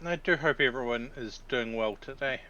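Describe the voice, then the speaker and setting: A man's voice: mid-range voice, moderate pace, pushed and bright, lo-fi sound. A man streaming a video game with casual, conversational chat. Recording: clearly noisy background.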